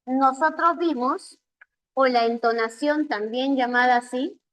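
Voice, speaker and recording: A Peruvian Spanish woman teaching a language class online, her voice high and her pace unhurried. She walks through exam answers patiently, quizzing her students and voicing their replies back to them. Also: fairly bright tone, poor audio.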